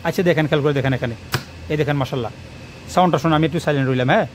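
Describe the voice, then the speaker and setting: Talking fast on his wiring channel, the electrician repeats phrases and wanders a bit while he works on camera. His pitch is fairly high, and the nearby phone mic picks up some faint noise.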